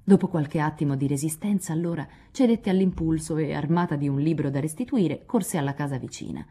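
A woman reading a classic novel aloud in a measured, expressive narration. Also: low voice, breathy edge. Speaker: audiobook reader. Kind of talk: literary narration.

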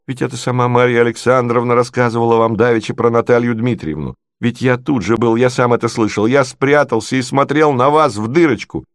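A man's voice: mid-range voice, brisk, few pauses, no room sound, clean studio sound, natural voice. A man voicing a flustered young nobleman who pleads with agitation. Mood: pleading.

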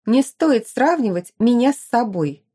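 A woman's voice: on the high side, expressive, measured pace, mellow, slightly rough, pitched above the performer's own voice. Woman doing Erika, cocky teasing young sorceress. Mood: teasing glee. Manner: teasing, playful. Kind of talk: audiobook character voice.

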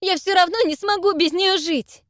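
A woman's voice: very high voice, sing-song, measured pace, vocal fry, no echo, studio quality, voice pushed up, full character voice. A woman voicing a desperate young man who screams and pleads for his dying wife in an audiobook. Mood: frantic shouting.

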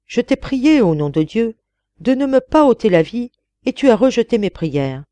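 A woman's voice: fairly high pitch, sing-song, moderate pace, dark tone, no echo, pitched above the performer's own voice. A woman reading the part of a wary fisherman who scorns and outwits a genie. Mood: triumphant. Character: wary, defiant old fisherman.

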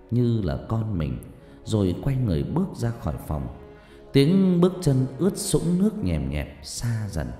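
A man's voice: low-pitched, warm tone. A man narrating a horror story in a dramatic, suspenseful way. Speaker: audiobook storyteller. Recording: reverb-heavy narration with faint music.

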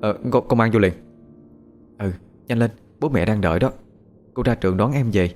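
A man voicing a hardworking, kind aunt in a spoken story, talking quick and higher-pitched. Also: darkish tone, soft background music, natural voice. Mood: hurried.

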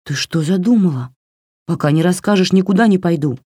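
A woman's voice: on the low side, lively intonation, fairly quick, dark tone, breathy edge, dry recording, studio quality, pitched above the performer's own voice. A woman voicing a frightened but stubborn young girl in a storybook reading, with a pleading, anxious manner.

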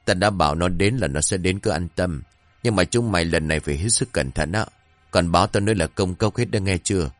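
A man's voice: sits low, fairly quick, dry recording, lightly acted. A man voicing a bossy old male exorcist master who scolds his helpers in curt orders, with faint music behind. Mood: hushed scolding.

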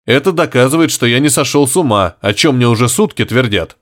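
A man's voice: medium pitch, lively intonation, fairly quick, close to an everyday voice. A man voicing a brusque, commanding police inspector in an audiobook. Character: stubborn tense male police inspector.

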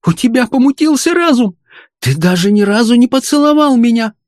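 Guy doing a weepy lovesick young girl, very high and pleading, storybook style. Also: expressive, brisk, a little mellow, no echo, clean studio sound. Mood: sobbing, pleading. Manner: pleading, sobbing. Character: tearful, lovestruck young woman.

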